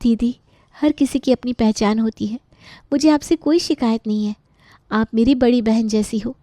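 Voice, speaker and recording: A sincere, forgiving young sister-in-law from an animated family story, voiced by a woman. Her voice is mellow and gentle. The recording is dry. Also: fairly high pitch, normal speed, no echo, voice pushed up, lightly acted.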